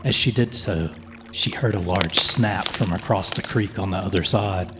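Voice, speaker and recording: A man reading a folklore horror story as a slow, measured, solemn scripted narration. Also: low voice, very noisy. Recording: music playing under the voice.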